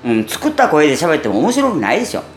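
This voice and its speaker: A man with a gravelly voice and a Kansai Japanese accent, chatting casually and unaffectedly to listeners as a radio host. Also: fairly high pitch, wildly swooping pitch, fast talker, faint music behind. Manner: natural unaffected delivery, chatty, with frequent sentence-final "ne". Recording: roomy echo, faint background noise.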